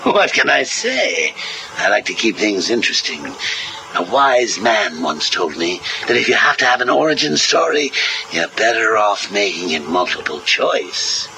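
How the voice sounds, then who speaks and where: An actor playing a manic, mocking villain clown, heard played back from an old interview tape. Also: male voice, lowish voice, very animated, unhurried. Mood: sardonic. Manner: sarcastic, sing-song, cackling. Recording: hissy cassette tape recording.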